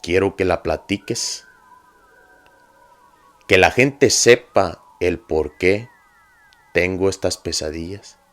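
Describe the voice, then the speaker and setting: A man's voice: sits low, slow pace, long pauses, a bit bright. A man playing his troubled young friend haunted by nightmares, earnest and pleading.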